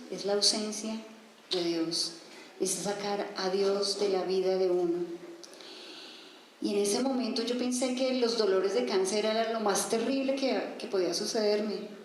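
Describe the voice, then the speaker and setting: A woman's voice: medium pitch, a little slow. A woman giving an earnest, emotional religious testimony. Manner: earnest, rising to pleading cries when reliving moments. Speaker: testimony speaker. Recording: very echoey room with faint music.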